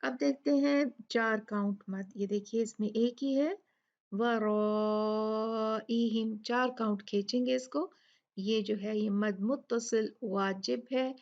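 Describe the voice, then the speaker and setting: Patient woman teaching recitation slowly. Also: a little high, fairly even intonation, a little mellow, lo-fi sound. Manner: patient, explanatory, repeats and drills words slowly. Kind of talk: step-by-step tajweed lesson.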